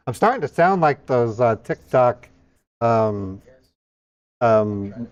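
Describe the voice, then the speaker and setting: A man's voice: medium pitch, big pitch swings, slow, clean tone. Lo-fi male streamer reading out subathon hype. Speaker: livestream host. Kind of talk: subathon hype, rapidly reading out donations and thanking viewers.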